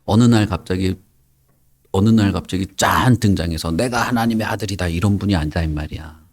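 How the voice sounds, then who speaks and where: A man who is a pastor gives a children's sermon and tells the story in a lively way, putting questions to the children. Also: sits low, normal speed.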